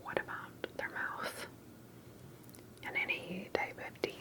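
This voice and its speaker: In a soft, breathy whisper, a woman slowly and gently asks careful questions as part of an ASMR interview roleplay.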